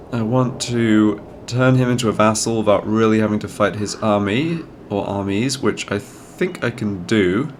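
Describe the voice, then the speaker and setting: A gaming channel host with a cold speaks in a fairly low, slightly nasal voice over background noise. He gives casual strategy game commentary, thinking aloud and explaining each move.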